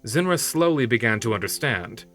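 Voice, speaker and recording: A man narrating a fantasy story in steady, measured storytelling. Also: mid-range voice. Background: soft background music.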